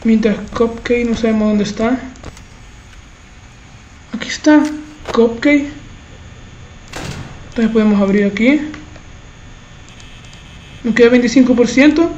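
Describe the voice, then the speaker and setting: High-pitched woman playing a scary game, slow nervous muttering to herself, muffled lo-fi sound with faint noise. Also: mellow. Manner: tense self-talk, muttering and frantic exclaiming. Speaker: gaming channel host. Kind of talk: horror game commentary.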